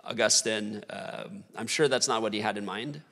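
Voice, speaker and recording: Guest theologian, male, bright gravelly low voice, halting and thoughtful. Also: big-room sound. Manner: thoughtful, many fillers, lively laughs. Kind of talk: casual theological discussion.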